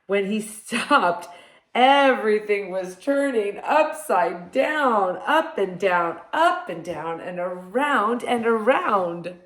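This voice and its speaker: A woman hosting a read-aloud for young children like a kids' show host, talking straight to them in simple words and expressive questions. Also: medium pitch, takes it slowly. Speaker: kindergarten teacher reading picture books to children. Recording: echoey room sound.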